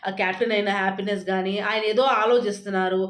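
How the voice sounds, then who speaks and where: Fast-talking woman in a roomy echo. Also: mid-range voice, level tone, fairly bright tone. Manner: chatty, rapid retelling with many fillers. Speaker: reality show recap vlogger. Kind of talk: casual spoken recap.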